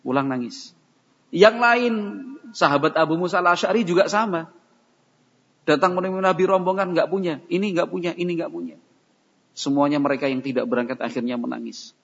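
A man's voice: fairly high pitch, a little fast, creaky, pauses often, a bit bright. A man preaching an Islamic study sermon, telling stories and slipping into phrases and chanted Quranic verses. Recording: dull audio in a reverberant hall.

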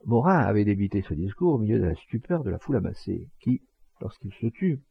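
A man's voice: fairly low pitch, brisk, vocal fry, breathy edge, dry recording, narrow, tinny audio. A man reading a classic novel aloud as an audiobook, narrating expressively. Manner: expressive storytelling. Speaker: audiobook reader. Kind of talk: scripted narration.

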